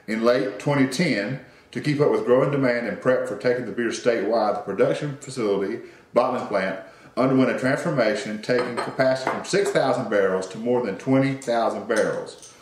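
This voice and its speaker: A North Carolina man co-hosts a casual beer review podcast, reading his notes with fillers and restarts. His mid-range voice moves briskly and sounds reverberant.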